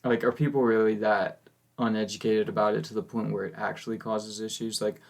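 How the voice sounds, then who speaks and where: A man's voice: on the low side, steady tone, brisk, gravelly, a little mellow. A man hosting a podcast, chatting casually in a rambling, musing way with many fillers. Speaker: podcast host. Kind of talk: casual chat.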